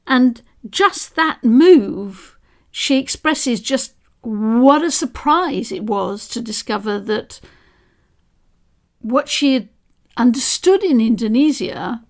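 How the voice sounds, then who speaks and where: A woman's voice: a little high, expressive, takes it slowly. A woman hosting a podcast as expedition leader, speaking reflectively with frequent restarts. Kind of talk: podcast narration.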